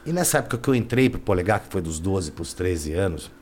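A man's voice: deep voice, sing-song, brisk, a little mellow, a little hiss or hum. A man, a guest telling his life story in casual, slangy talk that leans on "né" and "cara". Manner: slangy, keeps adding "né" and "cara". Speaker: interview guest.

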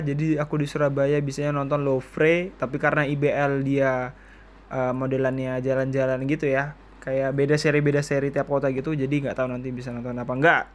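A young man from East Kalimantan talks through a casual solo podcast, trading stories and answering listener questions with a joking, chatty manner. His voice sits a little high for a man. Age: 20s. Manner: chatty, joking, quotes people in lively voices. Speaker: podcast host.

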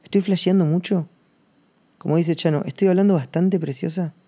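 A podcast host with a Rioplatense Spanish accent delivers a reflective solo monologue in a high, mellow voice. He rambles and uses slang, thinking aloud with pauses along the way.

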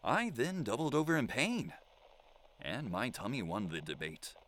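A man's voice: medium pitch, very animated, unhurried, fairly bright tone, slight background noise. A man playing an eccentric, lonely survivor who hosts his own radio show, speaking in a theatrical, flowery, mock-formal way. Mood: whimsical. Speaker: lone radio broadcaster. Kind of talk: audio drama monologue.

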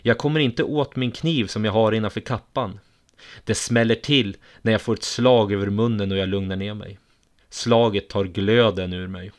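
A man reading a first-person story aloud in a steady, measured way. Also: on the low side.

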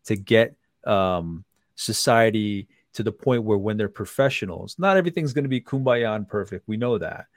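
A man's voice: lowish voice, normal speed, no echo, clean studio sound. A man hosting a book interview, asking long, meandering questions with frequent restarts. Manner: rambling questions with many fillers and restarts. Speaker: podcast host.

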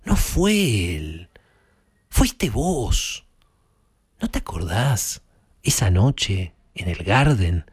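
A man's voice: on the low side, sing-song, drawn-out words, pauses often, slightly rough, no echo, studio quality, full character voice. A man with an Argentine accent voicing a bitter, washed-up young boxer who reproaches his brother. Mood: reproachful. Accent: Argentine Spanish. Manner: hurt, accusing, rising to outburst.

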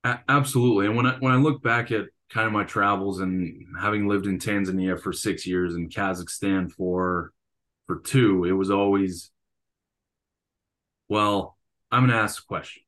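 In an easygoing interview, a coach and teacher reflects on his experiences, telling them like stories to a friend. His voice is very deep and low-pitched, a bit bright, with fairly even intonation and normal speed.

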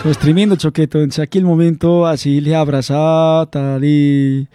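A man's voice: a little high, steady tone, moderate pace, warm tone, clear, resonant tone. A young man rambling through a personal story, chuckling often and calling his listener by slang nicknames. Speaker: vlog host telling a story. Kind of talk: casual storytelling to camera.

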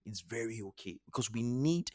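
A charity founder with a Nigerian accent speaks as a podcast guest, giving earnest, motivational interview talk and repeating phrases for emphasis. His mid-range voice is mellow, with lively intonation and a moderate pace.

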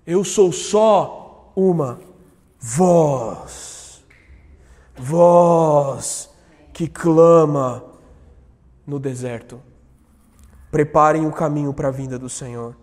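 Man doing a fiery desert prophet, high and ringing, hall echo. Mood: fervent. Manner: shouting then dropping low and slow. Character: John the Baptist, bold desert prophet, man. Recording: echoey hall reverb.

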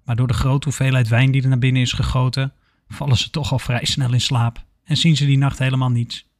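A man narrating a scripted horror story in a steady, measured way. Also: mid-range voice, dry recording, clean studio sound.

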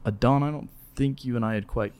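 A man's voice: mid-range voice, fast talker, darkish tone, smooth, no room sound. A man from Southern California, a podcast guest who talks in an easygoing, joking way. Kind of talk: casual podcast chat.

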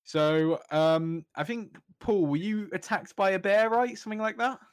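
A man's voice: sits high, moderate pace, clear, resonant tone, no echo, studio quality. A young man hosting a podcast, bantering casually in a jokey, teasing way with his co-hosts. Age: young adult. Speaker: podcast host.

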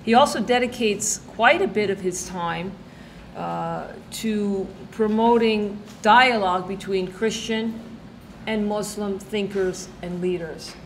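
A woman hosting an event, giving a semi-formal introduction with frequent pauses mid-phrase. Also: mid-range voice. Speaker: event host introducing a speaker. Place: indoor event, being filmed. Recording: faint background noise.

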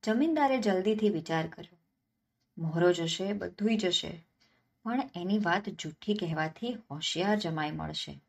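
A woman narrating a traditional folk tale. Her voice sits on the low side, and her delivery stays steady and expressive. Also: normal speed, creaky, slightly rough. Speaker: storyteller.

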